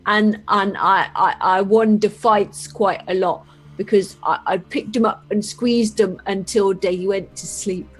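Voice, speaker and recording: A woman with a husky voice chatting casually as a player in a tabletop role-playing game. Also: mid-range voice, fairly even intonation, unhurried, hardly any pauses, soft background music.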